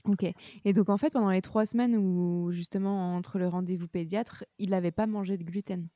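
A woman's voice: on the low side, fairly even intonation, moderate pace, warm tone. A woman hosting a podcast interview, giving short encouraging replies and asking questions. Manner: brief encouraging backchannels. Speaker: podcast host.

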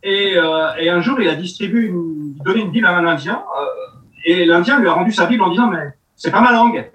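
A man with a fairly high voice joins a show remotely and tells a story with many fillers. He sounds roomy and set back from the mic. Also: quick pace, fairly bright tone. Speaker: remote guest. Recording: echoey remote call from a distance.

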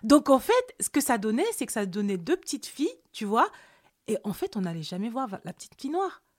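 A woman from Cameroon hosting a podcast, telling personal stories in a casual, animated interview chat. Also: a little high, fairly quick, dry recording, studio quality. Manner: animated storytelling, many fillers. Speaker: podcast host.

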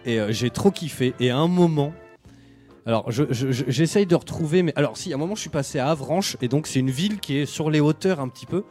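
Lively male storyteller, slangy and chatty, faint music bed. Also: a little high, quick pace. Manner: animated, slangy, acts out people he met. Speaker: podcast host telling a road trip. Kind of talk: casual storytelling chat.

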